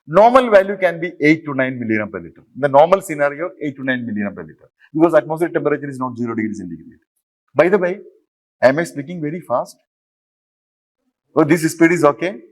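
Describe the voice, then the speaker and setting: A middle-aged professor from Kerala, India, lectures in English with a Malayalam accent in a university lecture hall, explaining step by step and frequently asking the audience questions. His voice is a little high, with lively intonation and a fast pace. The recording is low quality.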